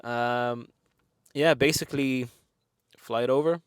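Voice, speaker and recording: A Lithuanian vlogger in his twenties, whose first languages are Lithuanian and Russian, tells a personal story to camera in English with a Lithuanian accent. His medium-pitched voice is smooth and fairly even in intonation, and he speaks slowly. The talk is chatty and frank with plenty of fillers, captured in a dry, clean studio recording.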